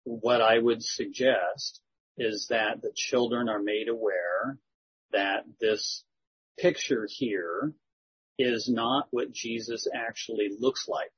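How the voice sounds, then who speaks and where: A man, a church elder, calmly and thoughtfully explaining scripture in a slow, measured way during a group discussion. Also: fairly low pitch, slightly rough. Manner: measured, thoughtful, gently corrective. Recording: dull lo-fi recording.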